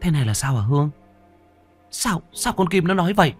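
A man voicing a frantic middle-aged mother in a ghost story, shrill, pleading and scolding. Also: big pitch swings, fairly quick, breathy edge, soft background music. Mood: demanding. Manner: shrill, pleading, then cursing. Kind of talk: storybook character voice.

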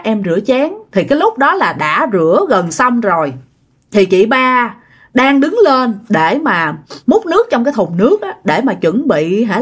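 A woman's voice: a little high, breathy edge. A woman with a Southern Vietnamese accent, narrating a ghost story in a chatty way that talks straight to her listeners. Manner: chatty, addresses listeners directly.

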